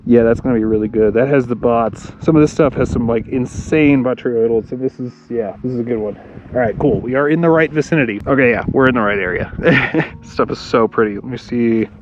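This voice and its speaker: A man vlogging outdoors while hiking fast at dusk, chatty and enthusiastic, short of breath and laughing often. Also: mid-range voice, muffled recording, a little hiss or hum. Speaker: rock hunting vlogger. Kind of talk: casual vlog narration while hiking. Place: outdoors at dusk on a rocky hillside. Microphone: action camera and phone.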